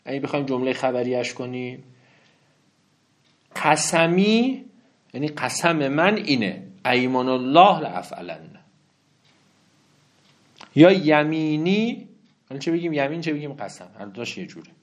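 A man teaching a grammar lesson, explaining step by step and often asking the listener questions. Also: pauses often. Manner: lively, swinging pitch.

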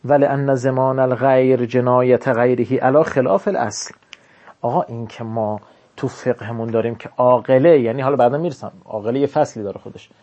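A man's voice: medium pitch, darkish tone, highs cut off. A man teaching a class, reading passages of a legal text aloud and explaining each line in plain everyday speech, often asking a question and then answering it himself. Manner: reads Arabic text then explains it in colloquial Persian, asks himself questions. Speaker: teacher of Islamic jurisprudence.

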